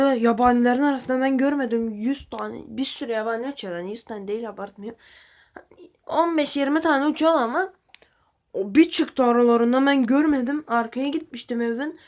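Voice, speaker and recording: A woman keeping pigeons, talking viewers through her birds in a chatty, blunt way and swearing now and then. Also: sits high. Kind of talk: casual vlog commentary to viewers.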